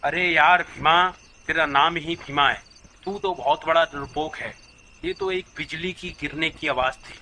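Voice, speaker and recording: A man's voice: fairly high pitch, measured pace, bright, forceful tone, slight background noise. A man voicing a level-headed villager who brushes off his friend's fears and scolds him, in a cartoon story. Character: calm, scolding adult male villager.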